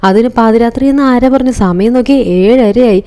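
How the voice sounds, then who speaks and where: A woman playing a sharp-tongued young wife. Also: on the high side, normal speed, pitched above the performer's own voice, close to an everyday voice. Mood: teasing. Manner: sharp retorts, teasing. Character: young village wife, sharp-tongued and quick to answer back.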